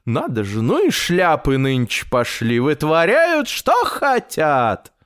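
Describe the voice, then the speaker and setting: Guy voicing a fussy chatty tailor in a storybook, high voice, all over the place. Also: takes it slowly, clean tone, heavily acted. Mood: excitable, chatty. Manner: excitable, rambling, high-pitched chatter.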